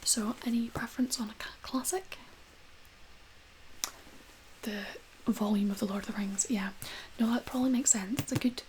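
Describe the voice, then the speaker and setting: Whispering woman in a soft-spoken role-play. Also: a little high, fairly even intonation, quick pace, few pauses, a little hiss or hum, low-quality recording. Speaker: ASMR creator playing a librarian recommending books.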